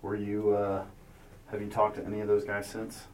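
A man's voice: on the low side, monotone, normal speed, a little mellow. A man working as an investigator, questioning a witness in a methodical, probing way. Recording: distant mic with faint noise.

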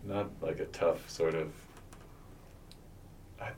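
A man answering questions as a witness, halting and unsure, often restarting his sentences. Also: rumbling low, fairly even intonation, darkish tone. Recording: distant mic with faint noise.

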